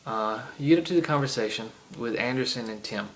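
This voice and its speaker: With a mid-range, fairly bright voice and a brisk delivery, a gaming vlogger with a heavy Southern accent rants casually about a game, chatty and full of ums and tangents. It's a rough recording made on an iPod camera.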